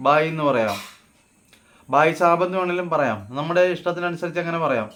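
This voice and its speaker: A man teaching everyday phrases, saying each example slowly and then explaining it. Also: on the high side, lively intonation, fairly bright tone. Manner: slow, deliberate model phrases, then explained in Malayalam. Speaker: Hindi teacher. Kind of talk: casual spoken-Hindi lesson.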